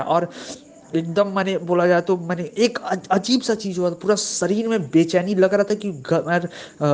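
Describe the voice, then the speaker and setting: Young man, fairly high voice, earnest and halting, circles back on his words. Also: a little mellow. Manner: earnest, halting, repeats himself. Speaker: devotee sharing experience. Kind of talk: personal testimony.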